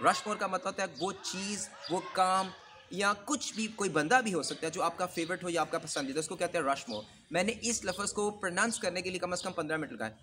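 Man, English tutor, bright voice, mixes Urdu and English, soft noise behind. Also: high voice, brisk. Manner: switches between Urdu and English, models sample phrases. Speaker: English teacher. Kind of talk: Urdu-English accent lesson.

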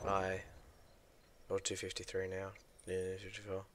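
Bright-voiced man chatting over a game. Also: low voice, monotone, a little hiss or hum. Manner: teasing, quick remarks. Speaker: gamer. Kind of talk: casual gameplay chat.

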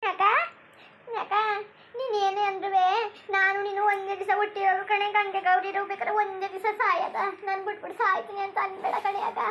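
A clingy, regretful younger sister-in-law sobs and pleads in a cartoon, as a woman voices her. Her voice is pitched very high and keeps catching on tears. A faint hiss sits behind it. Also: completely flat delivery, a little fast, fairly bright tone. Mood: tearful pleading. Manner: pleading, sobbing. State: crying. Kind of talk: cartoon voice acting.

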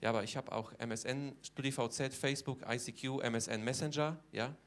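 Playing a cheeky, boastful Pole on stage, the comedian speaks halting German in a Polish accent and caps almost every sentence with a question. The medium-pitched delivery is brisk and lightly acted, with fairly even intonation.

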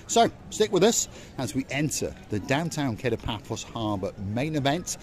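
On a harbour promenade at night, a middle-aged man co-hosts a vlog as a tour guide, delivering chatty, teasing walking-tour commentary with showman-like jokes. His mid-range voice swings widely in pitch at a moderate pace. The phone is held at arm's length, with busy crowd chatter and slight background noise.

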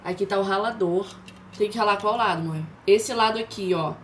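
A woman's voice: medium pitch, moderate pace, a little hiss or hum. A woman in her thirties chatting casually and joking at her own expense in a cooking vlog, filming herself with a phone at arm's length in a home kitchen. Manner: chatty, joking, self-mocking. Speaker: vlogger. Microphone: phone held at arm's length.

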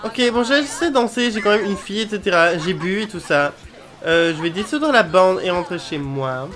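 A woman's voice: lowish voice, lively intonation, normal speed, fairly bright tone, some chatter behind. A woman chatting casually as she plays a life-simulation game, swearing and dropping English exclamations. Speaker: video game let's player. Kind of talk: casual gameplay commentary.

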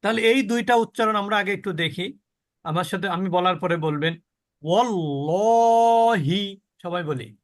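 A man's voice: sits high, steady tone, a bit bright. A man teaching a Quran pronunciation lesson, asking the class questions and drawing out the words he models. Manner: slow, explaining, asks questions of the class.

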